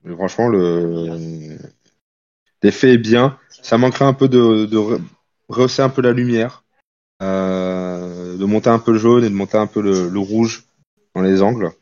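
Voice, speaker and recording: A man critiques painted miniatures in a casual, halting way, often stumbling mid-word. His voice sits a little low. The recording is dull and lo-fi, like an online call. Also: darkish tone. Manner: halting, stumbles over words.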